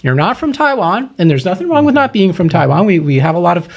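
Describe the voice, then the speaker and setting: Male radio host, joking interviewer, fairly high voice, studio talk. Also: very animated, quick pace, creaky, slightly rough. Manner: chatty, joking, asks questions.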